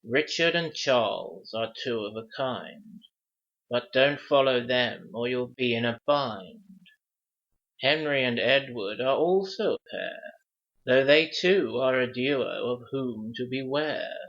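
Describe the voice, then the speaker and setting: An actor playing a formal, teasing wizard who speaks measured riddles in a fantasy adventure drama. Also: male voice, mid-range voice, animated, fairly bright tone, muffled recording. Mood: measured, riddling.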